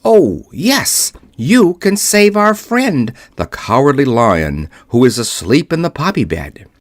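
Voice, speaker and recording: A friendly, straw-stuffed scarecrow speaks in a raised, eager voice, as a male reader puts him on. His pitch moves a lot. The recording is close and dry. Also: big pitch swings, slow pace, no room sound.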